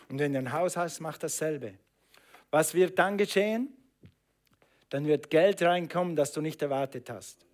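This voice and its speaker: A man's voice: on the high side, darkish tone. A man preaching a sermon, stressing and repeating phrases and calling on the congregation to answer back. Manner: emphatic, repeats phrases, calls on congregation to respond.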